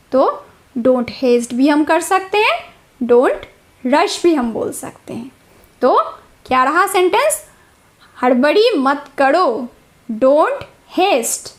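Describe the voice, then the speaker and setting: A woman, an English teacher giving a slow lesson and drilling each phrase by repetition. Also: high-pitched.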